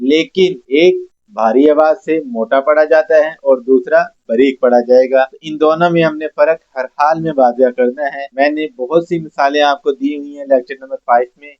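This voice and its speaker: A man with a fairly high voice teaching Quran pronunciation, repeating each syllable slowly and deliberately. The recording is muffled and lo-fi. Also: a little mellow. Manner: slow, repetitive, drawn-out syllables for students to copy. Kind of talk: tajweed lesson, drilling letter sounds. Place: mosque classroom. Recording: dull lo-fi recording.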